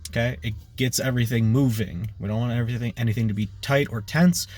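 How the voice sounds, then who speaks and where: A man teaching a casual singing lesson in a loose, rambling way, full of fillers and quick "right?" checks. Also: medium pitch, a little mellow. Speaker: vocal coach.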